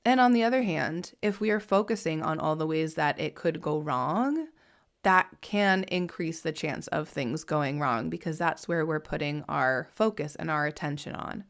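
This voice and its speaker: A woman in her thirties hosting a podcast, talking gently and unhurried, slightly hoarse after a cold. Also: low-pitched. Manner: soft, unhurried, reassuring. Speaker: podcast host and mentor.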